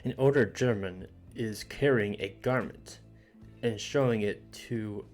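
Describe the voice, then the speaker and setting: A man co-streamer reading game narration aloud in a plain, steady way. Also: on the low side, a little slow, faint music behind.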